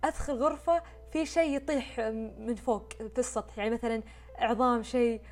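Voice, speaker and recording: A woman, telling a story in a casual, expressive, chatty way. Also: on the high side, fairly quick. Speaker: vlogger.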